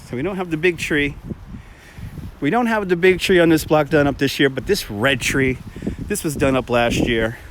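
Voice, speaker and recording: A man chatting casually and enthusiastically as he hosts a live stream on a walk outdoors in the wind, rambling and repeating his phrases. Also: on the high side. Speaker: livestream host walking and showing holiday lights. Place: outdoors walking on windy residential streets. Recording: loud wind noise on outdoor mic. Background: wind and rain-like rushing noise.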